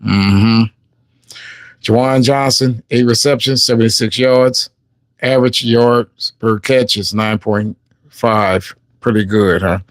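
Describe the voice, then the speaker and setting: A man's voice: medium pitch, fairly even intonation, slow, no echo. Casual New man reading game stats. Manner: casual, reads stats aloud, chats with viewers. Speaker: sports livestream host. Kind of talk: casual live-stream commentary.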